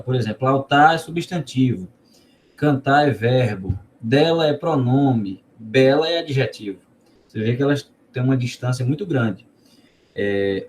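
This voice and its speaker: A man's voice: medium pitch, slight background noise. A man with a Northeastern Brazilian accent teaching an online class in an informal way, asking the students questions and repeating words as he explains. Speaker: teacher of a cordel literature course.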